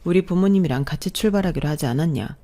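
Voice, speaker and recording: A woman putting on a touchy young boyfriend who answers sharply and then backpedals into defensive pleading. The voice is warm and mellow, with no deep shift, like a line in an audio drama. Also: fast, lightly acted.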